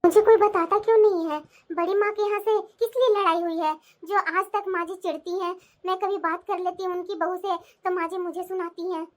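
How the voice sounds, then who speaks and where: A woman's voice: extremely high pitch, steady tone, brisk, hardly any pauses. A woman voicing a young, outspoken daughter-in-law in a cartoon who talks back and chats freely. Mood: protesting. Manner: protesting, chatty. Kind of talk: animated cartoon voice acting.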